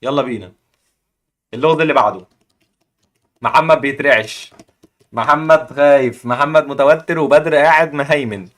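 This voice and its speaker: A young man with an Egyptian accent hosting a live chess puzzle contest, excitedly cheering the players on. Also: a little high, normal speed, pauses often. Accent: Egyptian Arabic. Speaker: chess stream host.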